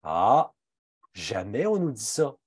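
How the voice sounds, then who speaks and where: A man's voice: wildly swooping pitch, slow, breathy edge, no room sound, studio quality. A man with a Québécois French accent giving a health talk as a pharmacist, emphatic and indignant in manner. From Quebec. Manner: emphatic, indignant, swings pitch widely for emphasis.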